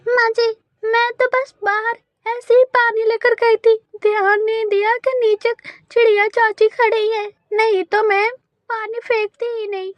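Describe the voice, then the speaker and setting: A dutiful young crow bride in a cartoon, as a woman voices her. She speaks briskly and politely in a very high voice, recorded close and dry. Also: level tone, dry recording, lo-fi sound. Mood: pleading. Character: young female crow daughter-in-law, busy and dutiful.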